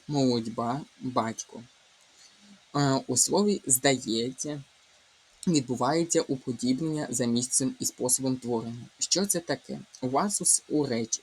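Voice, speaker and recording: A young Ukrainian language tutor goes through exam answers patiently and unhurriedly, reading each option aloud and then slowly spelling it out sound by sound. His medium-pitched voice is a bit bright with a husky edge.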